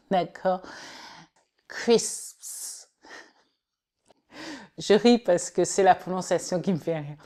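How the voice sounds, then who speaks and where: A woman teacher explains English vocabulary in at an unhurried, patient pace. Her voice sits a little low. She spells words letter by letter, repeats each one for practice and fills her sentences with little hesitations. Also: dark tone. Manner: chatty with many fillers and restarts. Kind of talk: French-language English lesson.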